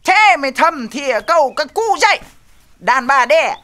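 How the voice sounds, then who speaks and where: A man's voice: extremely high pitch, animated, normal speed, pushed and bright, exaggerated voice. An actor playing a vain, frightened young husband who tells his woes dramatically in a comedy film. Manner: dramatic, exaggerated storytelling. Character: vain, scared young village husband, grumbling. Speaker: henpecked husband. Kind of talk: Tet comedy film acting.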